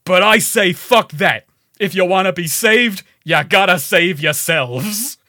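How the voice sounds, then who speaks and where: Guy reading as a swearing american rebel boss hyping up a revolution, tense bright voice. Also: high voice, animated, measured pace, dry recording, studio quality, exaggerated voice. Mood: gritty, earnest. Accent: put-on American. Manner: blunt rousing speech, profane. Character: gruff male American rebel leader rallying people.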